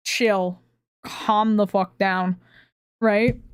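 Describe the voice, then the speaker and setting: A woman streamer telling a workplace story to her chat in a casual, animated way, swearing freely. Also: mid-range voice, very slow, smooth, no room sound. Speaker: streamer reacting to videos.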